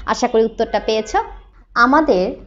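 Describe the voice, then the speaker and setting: A woman from Bangladesh, an English teacher, explaining patiently and slowing down to model sentences. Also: a little high, dull audio. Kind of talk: explanatory lesson.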